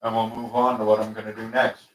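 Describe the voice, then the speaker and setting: A man casually thinking out loud while he paints, chatting with viewers in a relaxed, rambling way. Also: fairly low pitch, fast, recorded from a distance. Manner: relaxed, rambling, talks to himself and chat. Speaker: painter streaming his work. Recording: roomy sound, speaker away from mic.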